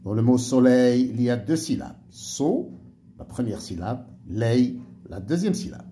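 A man teaching a primary-school French lesson, slowly spelling out syllables and letters for young pupils. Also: mid-range voice, lively intonation, mellow, slight background noise.

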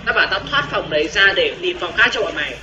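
A man's voice: high voice, animated, fast talker, roomy sound, dull audio, crowd noise. A man talking offhandedly with friends in a gaming chat.

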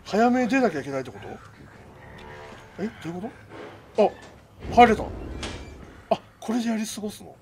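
A man's voice: sits high, big pitch swings, a little fast, pauses often, a little hiss or hum. A man giving casual live commentary on a horror game, talking to himself and reacting aloud, with game sound behind him. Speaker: game streamer.

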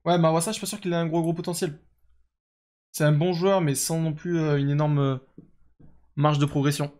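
A man's voice: fairly high pitch, little pitch movement, a little fast, a little mellow. A young man streaming a football management game, chatting casually and answering his viewers as he plays. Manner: chatty, reads and answers chat, lots of fillers. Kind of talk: casual live game commentary.

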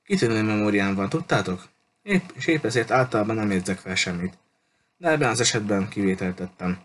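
A man's voice: on the low side, expressive, fairly bright tone, a little hiss or hum. A man voicing a fussy older railway clerk who rambles and grumbles as he remembers. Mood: grumbling.

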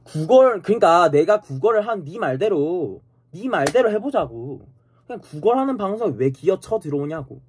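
A man rants at his live stream chat, swearing and hurling insults at the viewers. His voice is husky and sits fairly high. His pitch swings widely as he scolds. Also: big pitch swings, moderate pace, a little mellow. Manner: angry, profane, insulting viewers; repeats a challenging "eh?".

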